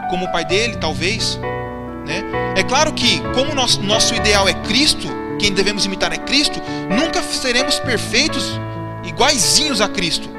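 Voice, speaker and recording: A man preaching a sermon in church, asking the congregation questions and answering them himself. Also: sits high. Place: church hall. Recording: church sermon with long reverb and faint music.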